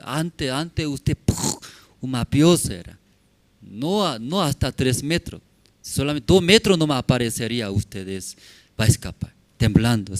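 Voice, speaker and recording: Lively pastor preaching to his congregation. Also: medium pitch. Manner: animated storytelling, frequent rhetorical questions to the congregation; non-native Spanish with simplified grammar. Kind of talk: sermon. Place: church.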